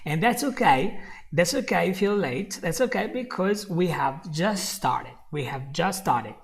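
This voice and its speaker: A young native Italian speaker with an Italian accent teaches a live online English lesson, encouraging his viewers, repeating phrases and talking straight to them. His gravelly voice sits high, and he's animated at a measured pace.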